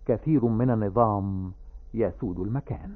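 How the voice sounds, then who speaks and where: A man reading stage directions in a measured, formal way for a radio drama. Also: lowish voice, over loud music. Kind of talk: scripted radio narration. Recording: tinny lo-fi old radio recording.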